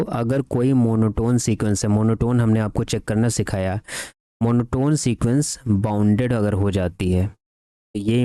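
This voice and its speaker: A man giving a math lecture that mixes Hindi and English, dictating theorems slowly word by word and asking his students questions that he answers himself. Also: fairly low pitch, mellow, no echo.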